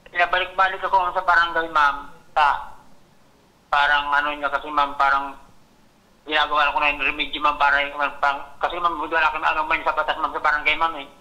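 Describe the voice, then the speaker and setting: Halting man saying ma'am constantly. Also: a little high, level tone, sharp tone, rough recording. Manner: halting, says ma'am after every phrase. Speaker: complainant caller. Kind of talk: phone interview.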